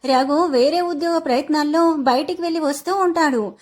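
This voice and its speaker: Woman storyteller, high voice, plain steady narration. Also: normal speed. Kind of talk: scripted narration.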